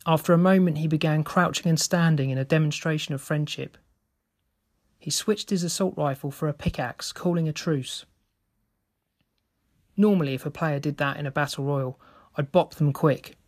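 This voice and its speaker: Man, storyteller, first-person narration, steady measured reading, slightly higher pitch.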